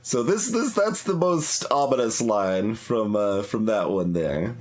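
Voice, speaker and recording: At a measured pace and with lively intonation, this man's lowish voice carries casual, analytical game commentary and readings of poems, with hesitations as he works things through. He's streaming a blind playthrough of a video game while soft plucked guitar plays behind him.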